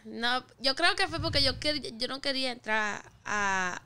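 A young woman guest on a podcast, telling stories in an animated, casual way and mixing in English words. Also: high voice, a little slow, smooth. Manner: animated storyteller, mixes in English. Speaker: guest artist.

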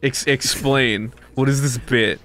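A man's voice: mid-range voice, fairly even intonation, slow, a bit bright. A young man hosting a gaming stream, chatting casually with a friend, teasing him and laughing often. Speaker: streamer host.

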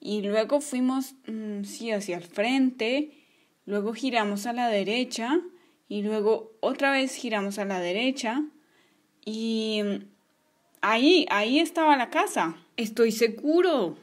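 A woman voicing an earnest young boy in a toy story, thinking aloud slowly. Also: a little high.

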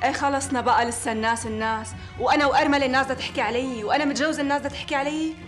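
An actress with a Syrian accent playing a young widow who argues back defiantly. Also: female voice, high-pitched, racing, a bit bright, soft background music. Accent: Syrian Arabic. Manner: argumentative, defiant.

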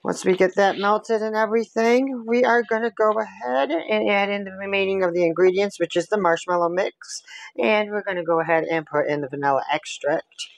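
In her home kitchen, a woman with a gravelly mid-range voice demonstrates a recipe step by step, chatting briskly as she stirs. A camera on the counter records her with no echo.

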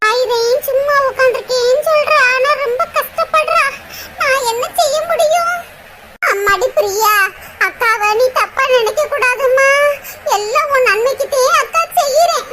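A woman doing a squeaky cartoon big sister. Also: normal speed, background noise. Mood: consoling. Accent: southern Tamil Nadu. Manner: scolding yet tender, lamenting. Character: caring older sister, worried and firm. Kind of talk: cartoon voice acting.

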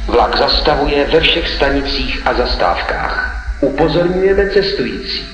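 A man reading a formal station announcement in a measured, segmented way as a railway announcer. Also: a little high, expressive, fairly bright tone, faint music behind. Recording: echoey hall, long reverb.

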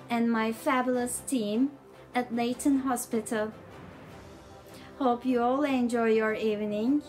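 A woman's voice: on the high side, darkish tone, low-quality recording. Woman giving a formal, careful thank-you speech. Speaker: award winner. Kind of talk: prepared acceptance speech. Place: bedroom at home. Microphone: video call.

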